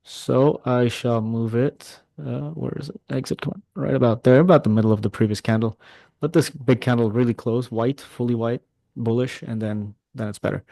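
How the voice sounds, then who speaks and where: A middle-aged man, a day trading mentor, commenting on a live trading session, excitable and talking to his chat, swearing when frustrated. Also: medium pitch, moderate pace, vocal fry, no echo.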